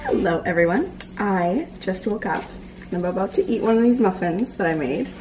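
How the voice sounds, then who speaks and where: A woman's voice: mid-range voice, lively intonation, moderate pace, music in the background. Young woman vlogging at home, chatty, says like a lot, camera held a bit far off. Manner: chatty, frequent "like" and "um" fillers. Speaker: fitness vlogger. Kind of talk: casual vlog chat. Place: living room at home. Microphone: handheld camera at arm's length.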